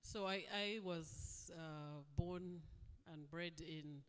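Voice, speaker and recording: A woman from Uganda, answering as the guest at a fireside chat, measured and reflective with frequent pauses. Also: sits low, a bit bright, smooth, in a large hall. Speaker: guest speaker. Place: event hall.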